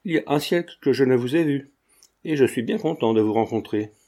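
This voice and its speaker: A man's voice: medium pitch, animated, a little fast, dark tone, close to an everyday voice. A man voicing a genial old retired druggist who feigns deafness, talking in a sly, affable way.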